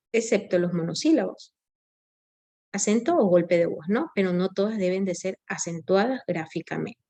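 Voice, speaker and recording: A woman's voice: medium pitch, dark tone. A woman giving a recorded grammar lecture, explaining step by step with frequent tag questions and small self-corrections. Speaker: teacher.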